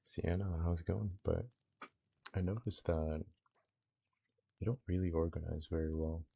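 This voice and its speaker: Talking to both his chat and himself, a young game streamer keeps things relaxed and full of slang. His low voice is steady, unhurried, creaky and warm with a breathy edge, on a dry recording.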